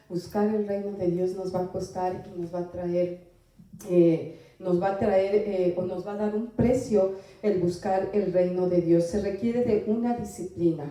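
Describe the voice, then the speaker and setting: A woman's voice: mid-range voice, dark tone. Woman preaching in an echoey hall. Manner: pausing often with fillers, asking the congregation questions. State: strained throat. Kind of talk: sermon. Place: church hall. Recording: echoey hall, voice from far off the mic.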